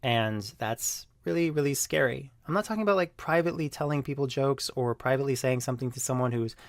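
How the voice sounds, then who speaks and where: A man talking casually on his video channel, rambling with lots of fillers and jumping into loud mocking voices when he quotes people. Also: mid-range voice, quick pace, no room sound, clean studio sound. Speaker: YouTuber. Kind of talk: casual monologue.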